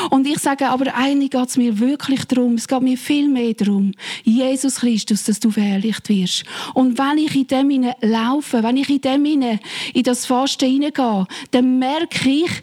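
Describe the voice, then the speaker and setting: A woman's voice: sits high, a little mellow. A Swiss German woman leading her church, giving an earnest, heartfelt devotional talk with prayerful repetitions. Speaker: church leader.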